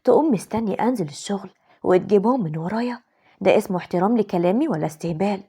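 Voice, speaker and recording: A woman doing a firm young Egyptian wife who refuses to back down. Her fast, breathy, mellow voice stays blunt. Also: medium pitch, expressive. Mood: indignant.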